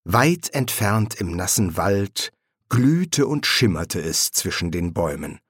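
A man reading a story aloud in a measured, expressive audiobook narration. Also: sits low, slightly rough, dry recording, studio quality.

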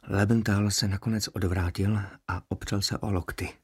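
Brief: man, low and raspy, grave audiobook narration, dry studio sound. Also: little pitch movement, no echo. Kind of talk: scripted narration.

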